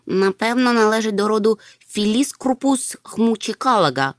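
A woman voicing a slow-witted, mild-mannered male creature obsessed with rare insects, who mutters to himself. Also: mid-range voice, animated, no room sound, studio quality, close to an everyday voice. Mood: pedantic.

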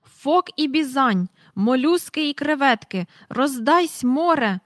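Woman as blustering old admiral in a storybook reading; loud, slow, commanding. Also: high-pitched, expressive, no room sound, clean studio sound, voice pushed up. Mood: booming commands. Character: bold old male sea admiral, booming.

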